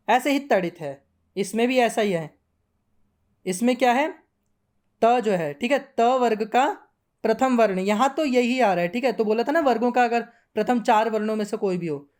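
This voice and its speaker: A woman's voice: fairly high pitch, darkish tone. A woman teaching a grammar lesson, patiently repeating word forms and checking in with her students often. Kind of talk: classroom lesson.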